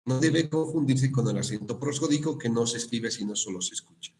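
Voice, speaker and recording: A male teacher giving an online class on spelling and accents, explaining slowly with frequent checking questions and restarts. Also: medium pitch, darkish tone. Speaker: university language teacher.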